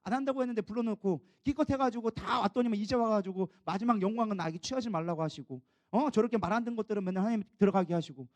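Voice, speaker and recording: A man's voice: very high voice, steady tone, fast talker, a little mellow, no echo, pitched above the performer's own voice. A man voicing an exasperated, aging prophet who pleads and complains as part of a sermon.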